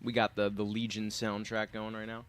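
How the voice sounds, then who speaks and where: With faint music behind him, a sick young man speaks in a lowish, completely flat voice at normal speed. He rambles casually to his livestream viewers from his bedroom, full of fillers, with occasional coughs and throat clearing.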